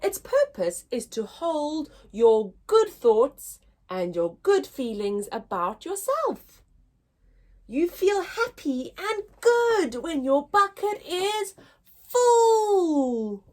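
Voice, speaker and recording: Here a story time host reads to little ones from a picture book, her voice high. The reading is deliberate and expressive, with a teacher's manner.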